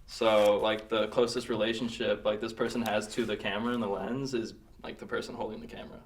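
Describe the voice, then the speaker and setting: A man talking as a podcast guest in casual chat, relaxed and hesitant, full of fillers. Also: lowish voice, a little fast, recorded from a distance, slight background noise. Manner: relaxed, hesitant with many fillers, laughs often. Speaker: guest, cinematographer and director. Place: podcast studio.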